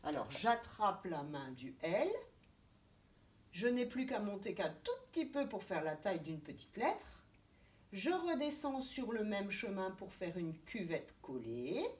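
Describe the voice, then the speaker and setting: A woman, a kindergarten teacher giving a slow, step-by-step handwriting lesson to young children. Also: mid-range voice, big pitch swings. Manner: slow, step-by-step instructions, thinking aloud.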